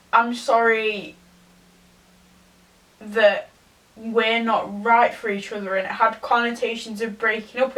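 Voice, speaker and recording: Tipsy woman rambling, higher voice, distant mic. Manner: rambling, halting. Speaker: vlogger. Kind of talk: confessional rant to camera.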